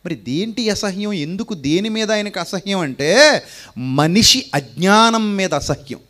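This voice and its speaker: A man's voice: high-pitched, animated, unhurried, a bit bright. A man preaching a sermon, who asks rhetorical questions and repeats his lines for emphasis.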